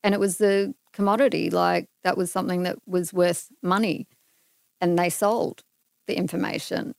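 A woman's voice: lowish voice, moderate pace, gravelly, dry recording. A middle-aged Australian woman, a guest in a casual interview, telling a personal story earnestly and animatedly. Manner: earnest, animated retelling with acted-out quotes.

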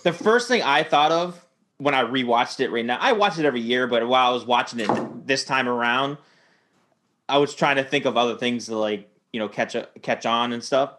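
A man's voice: medium pitch, a little fast. A young man co-hosting a podcast, chatting casually and acting out movie lines as he retells them. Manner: animated storyteller, acts out movie lines. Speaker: podcast co-host. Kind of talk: casual chat.

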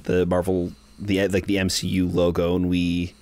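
A man's voice: deep voice, completely flat delivery, moderate pace, a little mellow. A man co-hosting a podcast, talking enthusiastically in casual chat, with lots of "like" fillers and restarts. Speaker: podcast co-host. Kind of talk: casual show recap chat.

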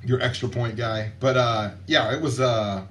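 Low-voiced man talking college football. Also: steady tone, moderate pace, slight background noise. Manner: hesitant, many restarts. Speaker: sports writer co-host. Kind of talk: casual sports podcast chat.

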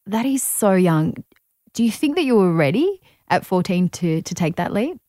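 A woman's voice: mid-range voice, big pitch swings, normal speed, dark tone, no room sound, studio quality. A woman host asking engaged follow-up questions in an interview. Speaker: podcast host.

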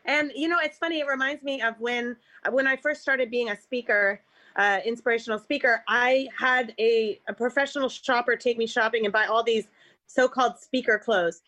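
Bright high-voiced chatty woman. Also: steady tone, moderate pace. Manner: upbeat, chatty, says she talks like a Valley girl. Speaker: podcast host, inspirational speaker. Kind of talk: casual conversation.

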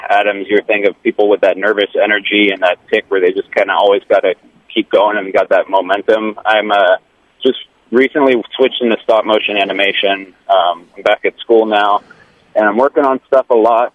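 A fairly low-voiced man calls in from his car, his voice squeezed through a thin, tinny phone line. He rambles and hesitates, leaning on ums and uhs as he talks. The sound is close and dry, with no room around it. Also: fairly even intonation, fairly quick, no echo. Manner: rambling, hesitant, many fillers. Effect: phone call from a moving car. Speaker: caller. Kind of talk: casual call-in chat.

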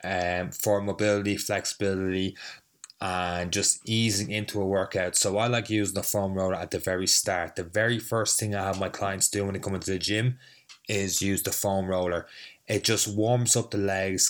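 A man's voice: deep voice, little pitch movement, normal speed. A man who is a fitness coach hosting his own podcast, talking casually with a cold, rambling and self-deprecating, with the mic a little further away. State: has a cold, sniffly. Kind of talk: casual solo podcast talk. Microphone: mic set a little further away than usual.

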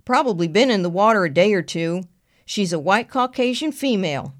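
A woman voicing a slow-witted male chief deputy with a plain, folksy drawl. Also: mid-range voice, expressive, close to an everyday voice. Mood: matter-of-fact.

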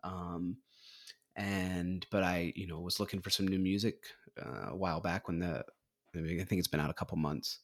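A man's voice: low-pitched, fairly even intonation, moderate pace, no room sound, studio quality. A man hosting a podcast, talking casually with a hesitant, filler-heavy, easygoing delivery. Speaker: podcast host. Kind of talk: casual chat.

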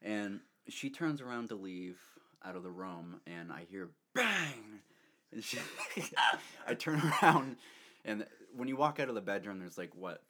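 A man's voice: on the low side, expressive, unhurried, sharp tone. A young man casually telling a rambling story, laughing often and restarting his sentences. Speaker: storyteller co-host.

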